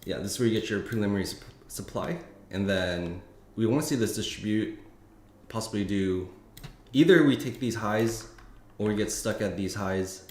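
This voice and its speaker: Male streamer, low voice, casual and halting, lots of fillers; roomy echo, keyboard typing behind. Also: darkish tone. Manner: rambling, thinking aloud with many fillers and restarts. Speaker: futures trading streamer. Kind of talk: casual live-stream market commentary. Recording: echoey room with faint noise.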